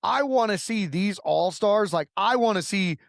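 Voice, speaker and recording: A man's voice: high voice, lively intonation, unhurried, vocal fry, dry recording, clean studio sound. A young man co-hosting a sports podcast, talking eagerly and repeating himself. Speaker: podcast co-host. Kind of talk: casual sports chat.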